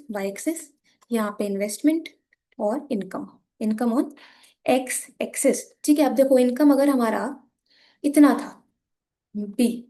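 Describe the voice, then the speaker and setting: A young Indian woman with a hoarse, sore voice, patiently teaching an economics lesson while drawing graphs and speaking softly. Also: on the high side. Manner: patient, repeats "ठीक है" often, switches between Hindi and English.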